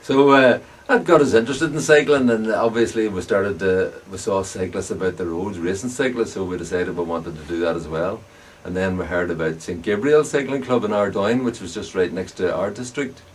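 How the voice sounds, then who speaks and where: Older man, Northern Irish Ulster accent, deep pitch, casual reminiscing, faint background noise. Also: a little fast, hardly any pauses. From Northern Ireland. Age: older, around 70 or above. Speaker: bicycle frame builder and veteran club racing cyclist being interviewed. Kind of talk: casual reminiscing interview answers. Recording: distant mic, clear background noise.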